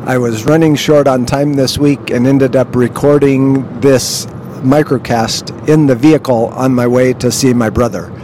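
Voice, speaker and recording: A man hosting a devotional podcast in a slow, measured, earnest way, recorded as low-quality audio inside a moving vehicle. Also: fairly even intonation, warm tone. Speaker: podcast host. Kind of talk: devotional monologue. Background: faint vehicle rumble.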